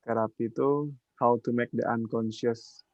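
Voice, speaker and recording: A man's voice: medium pitch, steady tone, measured pace, darkish tone, dull audio, a little hiss or hum. A man moderating a webinar, cutting in with casual questions and hesitating with fillers. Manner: hesitant, fillers while asking.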